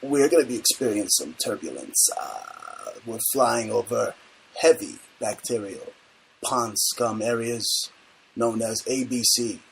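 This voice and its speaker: A male talk show host putting on an airline captain making a slow, measured cabin announcement. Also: fairly low pitch, expressive, gravelly, slight background noise, voice pushed down, low-quality recording. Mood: mock-solemn.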